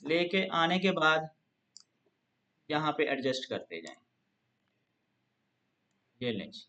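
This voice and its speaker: A man teaching a screen-recorded software tutorial, explaining patiently step by step and leaning on a repeated filler phrase. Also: a little high, very animated, slow pace. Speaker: instructor.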